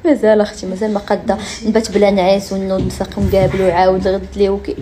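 Rapid-fire chatty Moroccan woman. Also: mid-range voice, completely flat delivery, warm tone, slight background noise. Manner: chatty, confiding, gossipy. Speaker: lifestyle vlogger. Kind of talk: casual chat to followers.

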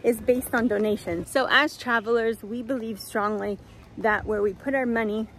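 A woman's voice: a little high, fairly even intonation, moderate pace, slight background noise, poor audio. A middle-aged woman narrating a travel vlog in a chatty, upbeat way, explaining as she goes. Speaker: travel vlogger.

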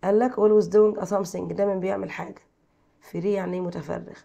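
A woman's voice: medium pitch, steady tone, fairly quick, vocal fry, warm tone, lo-fi sound. A woman teacher with an Egyptian Arabic accent, working through textbook exercises, reading English sentences and translating them while quizzing her pupils.

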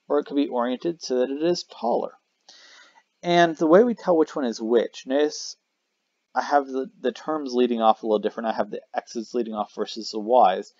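Gravelly male math teacher, dry recording. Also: medium pitch, a little mellow, no echo. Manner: casual, self-correcting explanation with fillers. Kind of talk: recorded math lesson at a whiteboard. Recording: dry, slightly dull lo-fi mic.

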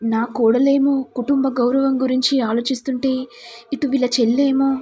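A woman's voice: sits high, level tone, moderate pace, mellow, husky, muffled recording. A woman doing an insinuating, scheming older relative. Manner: insinuating, persuasive.

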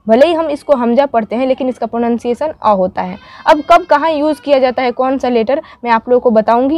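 An Urdu teacher leads a beginners' handwriting lesson, patiently guiding students through each letter stroke by stroke. She keeps repeating "ठीक है" and "आप लोगों का" as checks, her voice on the high side with a dark tone in a dry recording.

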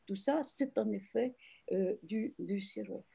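A woman literary translator explaining her work in an online panel discussion, reflective and hesitant, with frequent pauses and restarts. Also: medium pitch, vocal fry, dark tone, husky. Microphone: video call.

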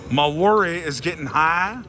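Male gambling vlogger, higher-pitched and swooping, theatrical casual commentary with pleading repeats, clear machine music behind. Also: animated, a little slow. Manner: theatrical, addresses viewers, repeats phrases pleadingly. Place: busy casino floor at a slot machine. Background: slot machine music.

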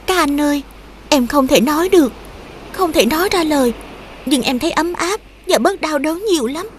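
An actress voicing a brave, gentle young princess in a cartoon, who speaks politely, softly and eagerly. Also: female voice, high-pitched, expressive, moderate pace, a little hiss or hum. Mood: tender. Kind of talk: dubbed cartoon acting.

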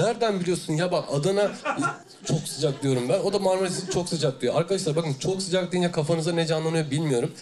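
A man's voice: high voice, background noise. A young man telling stories animatedly in a stand-up comedy set on stage before a live audience. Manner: animated storytelling, acts out characters.

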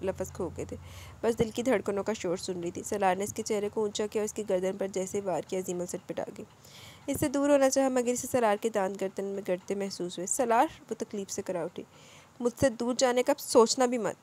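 A woman reading a romance novel aloud as narrator, in steady storytelling with small slips. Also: mid-range voice. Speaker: audiobook narrator.

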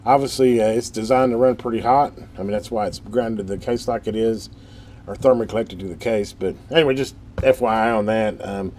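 In a noisy workshop inside a metal building, a middle-aged man speaks briskly in a lowish, slightly mellow voice. He runs a radio repair channel and thinks aloud as he works, offering folksy, rambling commentary on the repair.

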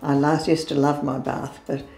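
An older woman with a low, gravelly, dark voice talks hesitantly, restarting words as she answers. She is recorded in an echoey tiled bathroom. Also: flat delivery, normal speed, soft background music. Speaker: client in a home assessment. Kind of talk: acted training scenario, conversational. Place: small tiled bathroom in a home.

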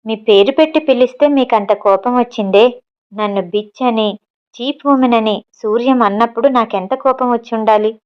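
A proud young woman cook in a storybook reading, voiced by a woman, answering back bluntly and matter-of-fact. The voice sits fairly high. The recording sounds dull and lo-fi. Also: normal speed, clear, resonant tone, natural voice. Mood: defiant. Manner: cutting, matter-of-fact retorts.

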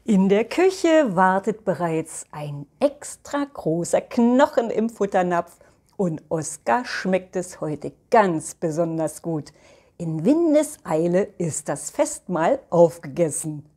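Older woman, grandmother storyteller reading picture book to kids, slow and gentle. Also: on the low side, very animated. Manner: gentle, addresses children.

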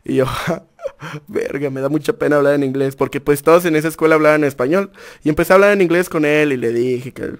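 A young man, a streamer telling a story to his chat in a casual, animated way, full of crude slang. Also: on the high side, fairly quick.

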